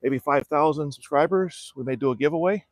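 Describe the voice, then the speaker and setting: A middle-aged man from South Florida, hosting a casual livestream from his backyard and explaining, in a relaxed and practical way, how he is restoring a small boat. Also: a little high, a little fast, no echo. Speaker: channel host restoring a boat. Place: backyard outdoors.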